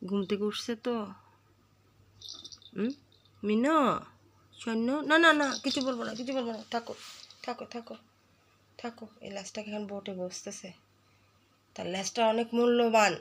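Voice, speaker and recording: A woman's voice: fairly high pitch, a little hiss or hum. A woman in a casual home vlog, coaxing and doting on her pet in baby-talk while making asides to her viewers. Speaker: vlogger talking to her pet.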